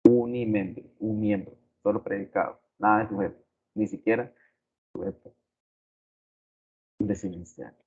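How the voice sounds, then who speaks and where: A man teaching a grammar lesson slowly and deliberately, repeating his examples. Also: lowish voice, warm tone, husky. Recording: tinny phone-like recording.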